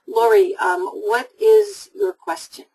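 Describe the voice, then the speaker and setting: A woman hosts a live psychic call-in show, her voice gravelly with a husky edge. She talks in an upbeat, reassuring way, her pitch rising and falling a lot as she answers callers. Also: very animated, slow, dark tone, low-quality recording. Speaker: psychic host of a live webinar.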